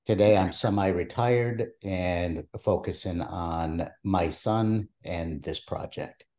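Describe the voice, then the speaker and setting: An older man from Palestine, answering oral history interview questions in a measured way with many hesitations. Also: sits low, a little mellow. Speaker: interviewee, archive creator.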